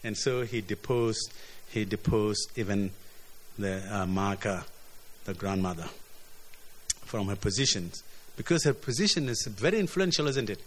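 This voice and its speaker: A man from preaching a sermon, earnest, often repeating words as his voice swings between emphatic highs and quiet lows. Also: expressive, normal speed. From South Sudan. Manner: earnest, repeats words, rises and drops in pitch and loudness.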